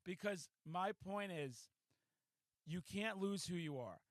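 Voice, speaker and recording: Hyper high-voiced man in his forties. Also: animated, slow pace, no room sound. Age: 40s. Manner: hyper, loud, profanity-laced ranting. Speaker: podcast host. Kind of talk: casual podcast chat.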